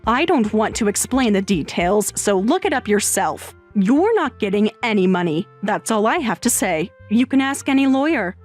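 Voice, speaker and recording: A woman voicing a stern, scornful sister-in-law in a dramatized text story, low and measured. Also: expressive, faint music behind, close to an everyday voice.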